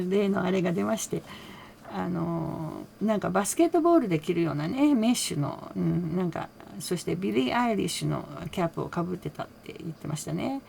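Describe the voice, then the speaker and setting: A woman's voice: medium pitch, gravelly, a little mellow, a little hiss or hum. A woman hosting her own channel, casually recapping a radio interview, talking with a lot of fillers and small laughs. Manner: chatty, relays quotes with small laughs and many fillers. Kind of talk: casual solo commentary.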